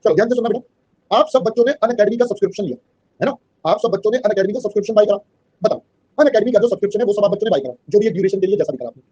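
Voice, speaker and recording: Fast-talking man teaching an online class. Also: high voice, expressive, dark tone, breathy edge, lo-fi sound. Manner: keeps checking understanding, calls students "beta". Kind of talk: online class lecture mixing Hindi and English.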